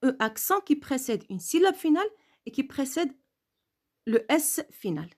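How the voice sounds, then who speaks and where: A woman with a somewhat high voice gives a grammar lesson. She talks at an unhurried, deliberate pace and says sounds and words twice so learners can follow. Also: sing-song, a little mellow. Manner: slow, repeats words and letters to stress pronunciation. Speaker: French teacher.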